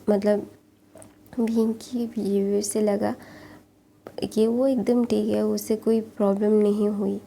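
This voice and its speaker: A woman casually retelling a fan fiction story, halting often with fillers and restarts, and speaking the characters' lines in nearly her own voice. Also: medium pitch, gravelly, mellow, a little hiss or hum.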